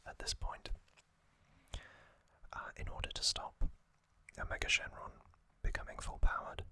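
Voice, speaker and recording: Speaking only in a breathy whisper, a man acting as an ASMR host tells a story in short, stop-start phrases. The tone is sharp and the recording dry.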